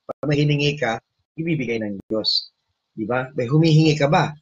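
Loud Filipino preacher, husky lo-fi sound. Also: male voice, medium pitch, normal speed. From Philippines. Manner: switches between Tagalog and English, asks the audience questions; loud, emphatic delivery. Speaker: preacher leading online prayer. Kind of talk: sermon and prayer.

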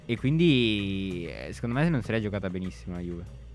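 A man with a fairly low voice offers informal football analysis as a panelist. He is hesitant, doubling back on words, with faint music behind him. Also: expressive, fairly quick. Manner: hesitant, often repeating words.

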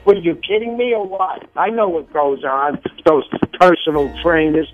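A man playing a cranky, jealous older husband who blusters and sputters gruffly on a phone call. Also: on the high side, moderate pace, faint music behind, natural voice. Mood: blustering. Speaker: caller. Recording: tinny phone line.

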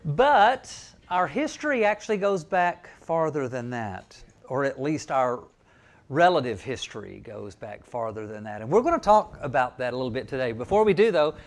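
A man's voice: medium pitch, very animated, moderate pace. A man pastor giving a conversational sermon, reading scripture and telling church history.

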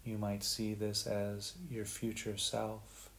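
A man leading a guided meditation in a gentle, unhurried way, leaving long pauses. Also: fairly low pitch, completely flat delivery. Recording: faint background hiss.

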